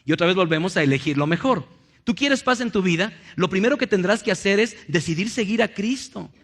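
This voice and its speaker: A man preaching a lively sermon in a church, acting out little scenes and joking with the congregation. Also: high-pitched, brisk. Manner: animated, acts out little scenes and jokes with the congregation. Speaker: pastor.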